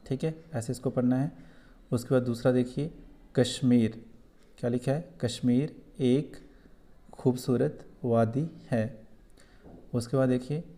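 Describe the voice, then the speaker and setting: A man with a Kashmiri accent takes young students through a school lesson. He explains patiently and says things twice. His voice is warm and mellow at a middle pitch. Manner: patient, repeats points slowly for children. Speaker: teacher.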